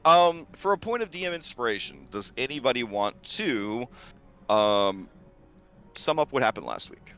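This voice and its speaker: A man's voice: medium pitch, big pitch swings, moderate pace, a bit bright. A man chatting casually and a bit ramblingly as the game master of an online tabletop session. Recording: dull lo-fi mic, faint music. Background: faint music.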